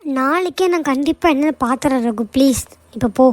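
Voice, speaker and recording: A woman's voice: high voice, fairly quick, dry recording, natural voice, rough recording. A woman voicing a meek pleading young worker. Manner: pleading, apologetic. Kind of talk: cartoon voice acting.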